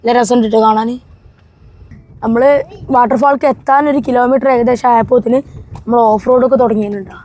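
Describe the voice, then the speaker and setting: High-pitched Kerala woman vlogger mixing in English. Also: steady tone, brisk, pauses often, a little mellow, poor audio. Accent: Kerala Malayali. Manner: Malayalam mixed with English words; repeats enthusiastic filler phrases, addressing viewers. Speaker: travel vlogger. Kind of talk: casual vlog chat to viewers.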